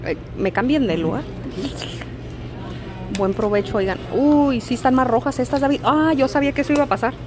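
A middle-aged woman with a Mexican Spanish accent chats playfully and teases her viewers in a casual vlog. Her voice sits high and moves a little fast, with music and steady background noise behind her.

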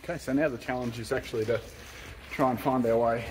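A man's voice: medium pitch, fast talker, noisy background. Man narrating a garden walk outdoors. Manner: relaxed, chatty, narrating as he walks. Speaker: travel vlogger. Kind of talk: casual walking commentary. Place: outdoors in large public gardens.

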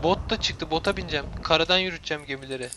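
A man's voice: fairly high pitch, very fast, pushed and bright, a little hiss or hum. A young man hosting a gaming video with casual running commentary among friends.

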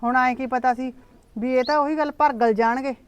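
A woman's voice: sits high, steady tone, moderate pace, dull audio, a little hiss or hum, lightly acted. A woman with a Punjabi accent playing a firm, scolding older village aunt who comforts her niece in a short drama. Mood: stern. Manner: scolding, reassuring.

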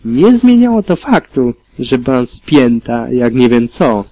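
A man reading a fan fiction audiobook aloud in a calm, steady manner with occasional slips. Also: medium pitch, unhurried, rough recording. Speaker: audiobook reader.

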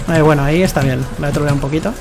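A man's voice: a little high, rapid-fire. A young man from Spain with a Castilian accent, a foul-mouthed streamer casually commentating his game with friends. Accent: Spanish from Spain. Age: young adult. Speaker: gaming streamer. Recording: loud game music behind voice.

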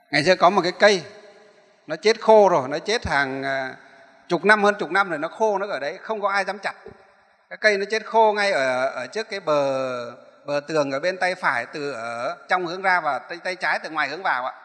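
Bright-voiced monk telling a story. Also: male voice, fairly high pitch, fairly quick. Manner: rambling, repeats and corrects himself. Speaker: Buddhist monk, abbot. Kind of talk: sermon storytelling. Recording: echoey hall.

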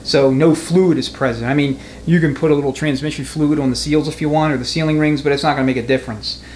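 The instructor, a transmission mechanic, talks fast in a slightly high, somewhat mellow voice with a steady tone while leading a hands-on tutorial. His style is matter-of-fact and conversational, and the indoor garage workshop makes the recording echoey with clear background noise.

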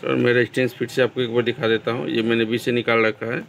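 A man with a Bihari Hindi accent talks viewers through a TV repair at his workbench. His voice is gravelly and stays flat. The sound comes from a phone recording with faint background noise. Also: medium pitch, fast talker. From India. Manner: plain, step-by-step explaining, addresses viewers as friends. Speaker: TV repair technician. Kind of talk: repair tutorial narration.

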